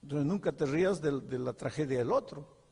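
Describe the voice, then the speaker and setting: Gravelly preacher in a reverberant hall. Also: male voice, on the high side, lively intonation, brisk. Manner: storytelling preacher, swings from hushed to impassioned. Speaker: pastor. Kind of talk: sermon.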